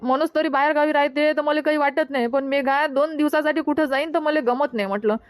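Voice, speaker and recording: A lamenting village mother in a cartoon comedy, voiced by a woman, with a Varhadi Marathi accent. Her voice sits high and sounds dry and close. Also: steady tone, fast talker, no echo, natural voice. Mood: sorrowful. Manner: lamenting, tearful. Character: grieving village mother marrying off her daughter.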